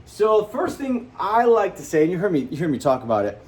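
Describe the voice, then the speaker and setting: Animated man giving a motivational talk. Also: fairly quick. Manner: animated, jumps high for emphasis, acts out quoted people. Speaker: host.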